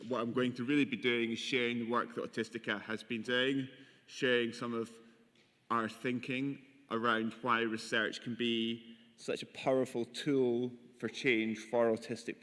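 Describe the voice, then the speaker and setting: A man's voice: on the low side, a bit bright. A man with a broad Aberdeen Scottish accent giving a conference talk, speaking carefully to be understood. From Aberdeen, Scotland. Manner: careful delivery, deliberately clear for translators. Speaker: charity chief executive, guest speaker. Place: conference hall. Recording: echoey hall with long reverb.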